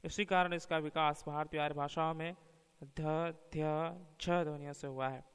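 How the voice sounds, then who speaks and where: A man giving a measured academic lecture, slowly listing word pairs one by one. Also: on the high side, fairly even intonation, a bit bright, smooth. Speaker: teacher. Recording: long reverb.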